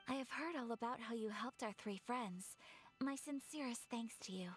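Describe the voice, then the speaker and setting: A woman's voice: fairly high pitch, slow pace, faint music behind. A woman voicing a gracious young noblewoman in a video game, speaking in a formal, courteous manner.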